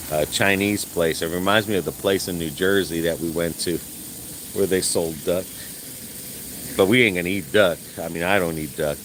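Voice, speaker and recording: A man's voice: sits low, fairly bright tone, slight background noise, low-quality recording. A man chatting casually and rambling while he shows his garden outdoors on a live stream. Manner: rambling, chatty, laughs often, folksy. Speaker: vlogger.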